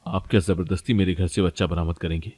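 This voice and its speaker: A man's voice: sits low, steady tone, dark tone, dry recording. A man reading as a protective, worried husband. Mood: earnest.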